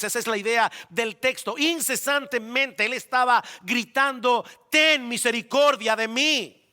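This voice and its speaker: A male pastor preaching a sermon, speaking emphatically straight to his congregation and slowing down to stress key words. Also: extremely high pitch, pushed and bright. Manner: emphatic, addresses the congregation directly.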